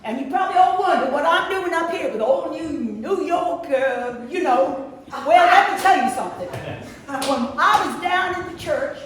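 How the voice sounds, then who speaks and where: A woman voicing a jovial Southern man, the bride's brother, with a put-on drawl and a folksy, booming manner. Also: animated, moderate pace. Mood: jubilant. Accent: American Southern, put on. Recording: echoey hall from far off.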